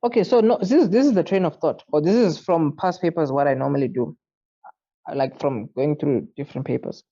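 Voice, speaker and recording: A man tutoring maths, working through an exam paper out loud in a casual way, muttering to himself and sounding tired late at night. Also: a little high, a little fast, dull audio.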